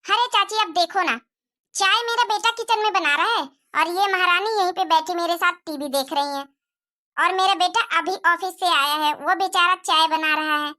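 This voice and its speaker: A woman's voice: very high-pitched, normal speed, sharp tone, dry recording, clean studio sound. A woman voicing a jealous middle-aged mother-in-law who scolds and complains at length in a cartoon moral story. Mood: complaining.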